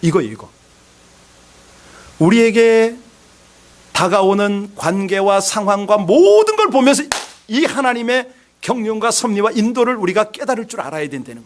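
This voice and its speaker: A male pastor preaching a sermon emphatically, putting rhetorical questions to the congregation. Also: high voice.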